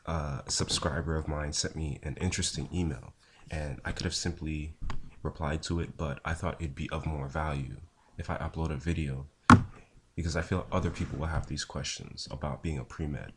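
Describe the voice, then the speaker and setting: A young man talking casually to camera in a low, unhurried, low-energy voice with a husky, just-woken sound. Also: steady tone, heavy background noise. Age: young adult. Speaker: vlogger, pre-med student. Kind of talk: casual talk to camera answering viewer questions.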